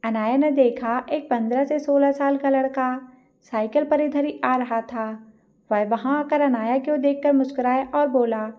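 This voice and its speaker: A woman narrating a scripted moral story in a steady, dramatic storytelling manner. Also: high-pitched, normal speed. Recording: dull lo-fi recording.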